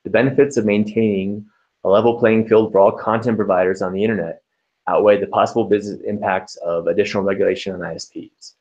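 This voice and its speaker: A man on a panel, co-founder of a small software company, reading measured, formal prepared remarks. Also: fairly low pitch, steady tone, muffled recording.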